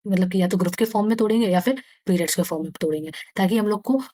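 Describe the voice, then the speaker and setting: Brisk Indian woman teaching maths. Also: mid-range voice, warm tone, no room sound. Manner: slow, deliberate reading of English textbook lines; explains each line again in Hindi. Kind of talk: casual lesson for young pupils.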